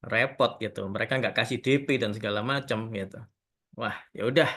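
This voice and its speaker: A man telling a testimony story in a relaxed, conversational way, often addressing his listeners as friends. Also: on the low side, a little fast. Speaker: speaker giving a testimony.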